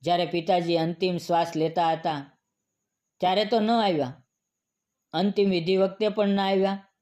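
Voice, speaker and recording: Man reading angry villagers, reproachful, scolding, storybook tale, high voice. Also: fairly even intonation, normal speed, darkish tone, natural voice. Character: angry village elders scolding two neglectful sons.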